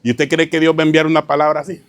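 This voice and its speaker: A man with a fairly high voice preaches a teaching sermon to his congregation. He keeps checking whether they follow him and calls them brother. He tells stories in an easy, informal way. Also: monotone, rapid-fire, dry recording. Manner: keeps asking the congregation rhetorical questions, addresses them as "hermano". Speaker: pastor.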